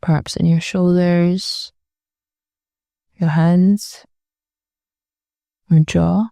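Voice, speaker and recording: Leading a calm meditation, this woman speaks softly in unhurried phrases separated by long pauses, her intonation fairly even. Her voice is very dark and mellow, a little low and often creaky, captured in a dry, close recording without any room feel.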